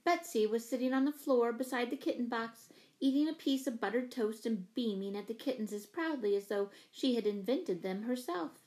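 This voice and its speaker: Woman narrator, fairly high voice, clear measured reading, audiobook storytelling. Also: a little mellow, rough recording.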